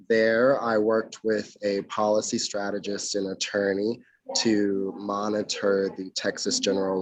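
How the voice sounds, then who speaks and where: Soft-spoken young man on a video call. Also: on the low side, low-quality recording. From North Carolina. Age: young adult. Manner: formal, measured, with frequent ums. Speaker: mayoral candidate. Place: outdoors.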